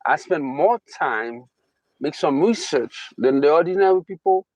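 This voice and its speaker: Man, Haitian accent, motivational talk, repeats for emphasis, unhurried delivery, dull lo-fi sound. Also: fairly high pitch, lively intonation, a little mellow, dry recording. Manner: emphatic, repeating phrases, slow drawn-out stresses. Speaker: motivational speaker.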